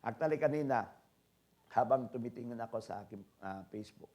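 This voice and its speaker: A man preaching a sermon as pastor, swinging between soft asides and loud exhortations, often checking in with the congregation and mixing in English phrases. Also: mid-range voice, a little fast. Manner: frequent tag questions to the congregation; mixes English phrases into his talk.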